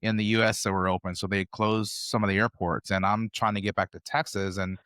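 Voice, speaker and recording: Speaking fairly quickly and flatly, a U.S. podcast guest in his fifties tells his story in a rambling, conversational way. His voice is fairly low and a bit bright. There's no echo; the sound is dry and close with little room reflection.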